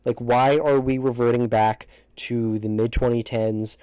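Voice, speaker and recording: Man giving halting, emphatic movie commentary, dry sound. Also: medium pitch, steady tone, mellow, clear, resonant tone, no room sound, poor audio. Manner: halting, self-interrupting, emphatic. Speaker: movie reviewer ranking films. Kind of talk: casual opinionated video commentary. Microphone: close microphone, breaths hitting it.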